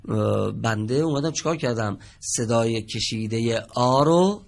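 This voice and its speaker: A man teaching Quranic Arabic reading on a TV studio lesson, patient, asking the students questions and repeating their answers. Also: medium pitch.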